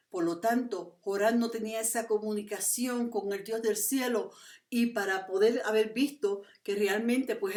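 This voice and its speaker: A woman's voice: mid-range voice, roomy sound, recorded from a distance. Woman preacher, mic set back. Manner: storytelling, rhetorical questions, animated retelling. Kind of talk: sermon.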